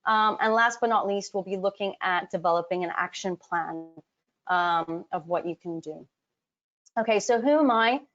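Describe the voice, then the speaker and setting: A woman from Hong Kong working as a business advisor, presenting a live webinar. She talks in a chatty, direct way, speaks to her audience often and fills her pauses with ums. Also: on the low side, fairly bright tone. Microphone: computer mic on a web call, camera off. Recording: dull lo-fi webinar audio.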